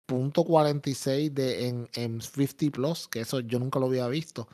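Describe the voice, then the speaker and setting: A man's voice: medium pitch, steady tone, moderate pace, dark tone. A man with a Puerto Rican Spanish accent doing casual wrestling podcast commentary, informal and slangy, dropping English words into his Spanish. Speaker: podcast co-host.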